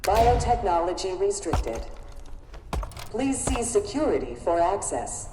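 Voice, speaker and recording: An echoing facility loudspeaker. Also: female voice, mid-range voice, far from the mic. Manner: slow, even, formal automated announcement. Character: female automated security system voice of a facility. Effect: facility loudspeaker announcement. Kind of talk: video game voice acting. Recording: echoey hall loudspeaker heard from afar, noisy.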